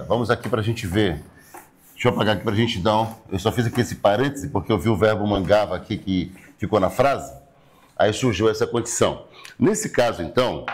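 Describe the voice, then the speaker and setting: A man with a Brazilian accent teaching a Portuguese grammar class, explaining slowly, repeating words and checking in with his students. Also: lowish voice. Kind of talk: recorded online class lecture.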